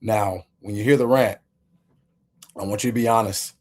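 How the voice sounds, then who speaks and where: Man, low voice, host, emphatic opinion commentary, explains step by step. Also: steady tone, normal speed. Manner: emphatic, walks the listener through points step by step.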